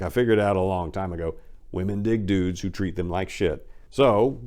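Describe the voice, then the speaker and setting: A man with a fairly low voice hosts what sounds like a personal memoir read aloud dramatically. He swings from emphatic to hushed as he goes, keeping the reading expressive.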